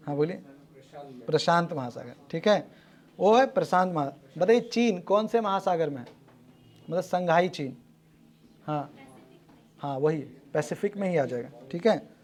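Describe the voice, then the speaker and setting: A male teacher running a brisk classroom quiz, calling on students and repeating their answers back. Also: sits high.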